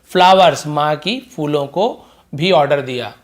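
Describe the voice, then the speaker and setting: A man teaching English, reading each phrase of a story slowly and loudly, then explaining it in quieter Hindi. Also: a little high. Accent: Indian English.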